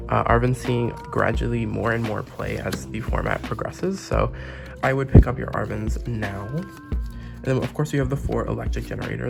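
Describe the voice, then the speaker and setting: A Canadian trading card game YouTuber with a sore throat does a casual unboxing and deck review, his mid-range voice gravelly and rough from illness. Chatty and relaxed, he raves about the packaging while going through the cards. Music is clearly audible beneath him.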